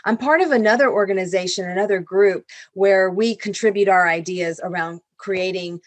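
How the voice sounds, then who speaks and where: A woman's voice: mid-range voice, moderate pace, dry recording. A woman from Venezuela, a corporate executive, explaining her points earnestly on a video call panel discussion. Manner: earnest and explanatory, with small restarts.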